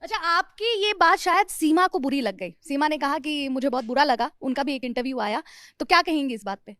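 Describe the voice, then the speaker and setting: A woman reporter conducting a field interview, asking lively, prompting questions. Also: high-pitched, brisk, no echo, clean studio sound.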